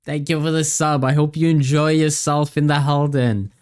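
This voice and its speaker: A man's voice: a little high, steady tone, normal speed, a little mellow, smooth. Upbeat male streamer on a headset mic. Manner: chatty, rambling, upbeat. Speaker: livestreamer. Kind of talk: casual stream chat thanking viewers. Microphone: livestream headset mic.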